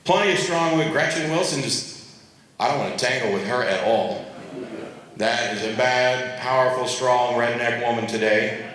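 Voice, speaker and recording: A man argues his side of a debate with a wry, sarcastic edge. His voice is bright and forceful. The sound is very echoey, as if picked up in a large convention hall. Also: mid-range voice, normal speed. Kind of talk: comic live debate speech.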